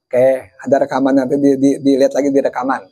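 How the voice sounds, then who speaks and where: A male preacher delivers a Sunday morning religious lecture in a mid-range, monotone voice that is quick, dark, and a bit breathy. He poses questions to his audience and answers them himself, stretching words out to show how they're pronounced.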